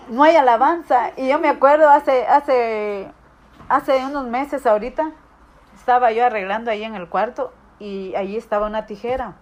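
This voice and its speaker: A woman preaching a sermon, telling personal stories and acting out quoted voices. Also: a little high. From Guatemala. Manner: storytelling, acts out quoted voices. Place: church hall.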